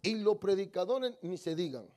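A man preaching a lively sermon in a church, telling funny stories and moving between quiet asides and loud calls to the congregation. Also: sits high, normal speed, a crowd in the background. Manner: storytelling, swings between soft asides and loud exhortation. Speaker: guest preacher. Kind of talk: lively Spanish-language sermon with humorous anecdotes. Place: church sanctuary.

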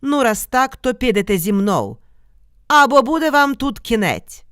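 A woman voicing a loud menacing dog-headed ogre. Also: on the high side, big pitch swings, unhurried, dry recording, studio quality, pitched above the performer's own voice. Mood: threatening. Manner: loud threatening demands.

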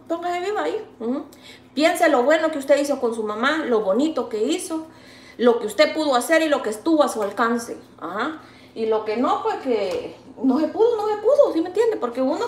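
A woman with a Salvadoran accent chatting casually on her vlog, reading viewer comments and consoling them with fond pet names while she makes tortillas. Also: high voice. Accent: Salvadoran Spanish. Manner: affectionate, calls viewers sweet pet names; consoling, folksy and talkative. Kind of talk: casual live-stream chat. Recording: echoey room with faint background noise.

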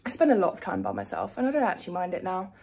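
A woman's voice: on the low side, huge pitch swings, rapid-fire, a little mellow. A young woman in her twenties with a British accent, chatting casually through her day as a vlogger and personal trainer, rambling and self-deprecating, recorded on a phone propped up at home and at the gym. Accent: British English. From United Kingdom. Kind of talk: casual day-in-the-life vlog. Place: home rooms, then a gym. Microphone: phone camera propped nearby.

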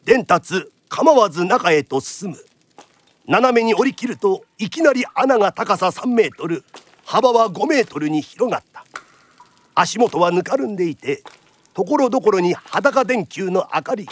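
An actor with a high, unhurried male voice narrates a radio drama as a lively storyteller. His vivid narration uses theatrical, punchy, traditional phrasing.

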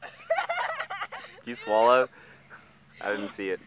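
Low, giggly teenage guy vlogging. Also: fairly even intonation, takes it slowly. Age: teens. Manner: giggly, teasing friends. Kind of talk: casual handheld vlog chat. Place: friend's house, indoors. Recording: loud crowd and room noise.

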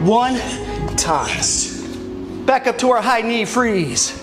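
Male aerobics instructor, high voice, unhurried pace, motivating counts and commands, loud-enough workout music underneath. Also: very animated. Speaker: fitness instructor. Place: indoor gym. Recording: music behind the voice.

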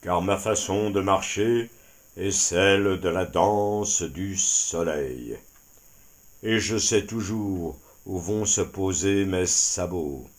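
A huge, wise old bison from a storybook, speaking in a deep, low voice, as a man acts him out. He takes his time, unhurried and solemn, every word calm and weighty. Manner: slow, deep, solemn speech. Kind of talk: storybook character voice.

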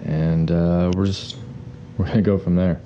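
A young man talking casually about his motorcycle, filling pauses with ums, recorded on an action camera. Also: deep voice, muffled recording. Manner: relaxed, with frequent ums. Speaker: motorcycle vlogger. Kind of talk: casual vlog narration. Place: garage, then inside a truck on the road. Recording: camera mic with road and engine noise.

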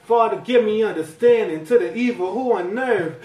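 A man raps a one-take freestyle in a high, ringing voice, sometimes breaking into shouted lines. He is recorded from across a small room at home, so the voice sounds distant and echoey. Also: moderate pace. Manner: rhythmic rapping with sudden shouted lines. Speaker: rapper. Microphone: far 360 camera. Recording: echoey room, voice far from the mic.

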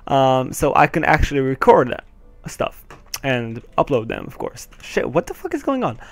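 With big pitch swings, vocal fry, and a moderate pace, the mid-range voice comes through in a dry recording. The speaker is an Israeli teenage boy, Hebrew-speaking by birth and Israeli-accented, who hosts casual gameplay commentary on a headset. He's hesitant and um-heavy, laughs nervously, and lets out swears when play goes wrong.

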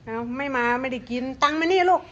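A woman's voice: sits high, fast talker, a bit bright, lo-fi sound. A woman with an Isan Thai accent, chatting casually and coaxing her pets in a sing-song voice. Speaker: pet vlogger.

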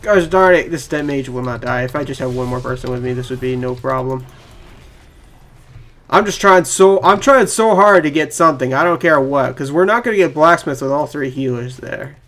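A young man giving rambling, excitable live commentary on his own gameplay and talking to his viewers. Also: mid-range voice, moderate pace. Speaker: gaming channel host. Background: keyboard typing.

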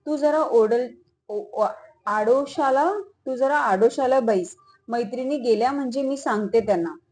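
A woman voicing a nervous young maidservant in a palace who speaks in a hurried, anxious way. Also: fairly high pitch, a little mellow, natural voice, rough recording. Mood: hurried worried.

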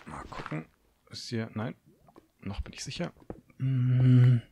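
A man's voice: mid-range voice, expressive, takes it slowly, heavy background noise. A young German man commenting on his own game, nervous and talking to himself, swearing at monsters. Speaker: gaming video host. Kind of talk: Let's Play commentary.

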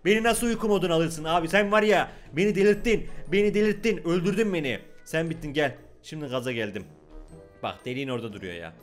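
Rowdy, fast-talking young man gaming. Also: high voice, animated, faint music behind. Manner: rowdy, mock-threatening banter with game characters. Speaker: gaming YouTuber. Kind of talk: playing a game on camera.

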